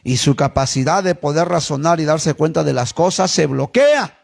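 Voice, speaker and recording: A man preaching a sermon as pastor, telling a personal story and addressing his listeners as brothers, dropping low and then rising to emphatic repeated questions. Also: expressive, normal speed, vocal fry.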